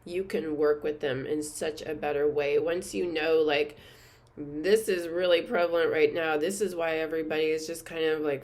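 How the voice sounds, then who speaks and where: A woman hosting her own channel, chatting earnestly and reflectively to camera, with many fillers and soft laughs. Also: sits low. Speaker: spiritual teacher and channel host. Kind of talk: casual reflective monologue to camera.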